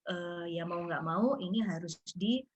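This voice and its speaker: A woman's voice: measured pace, slightly rough. Woman, 30s, interview guest; earnest storyteller who voices the people in her story; dull lo-fi audio. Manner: earnest, acts out quoted dialogue with rising pitch. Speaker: guest sharing a personal story. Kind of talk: emotional personal storytelling.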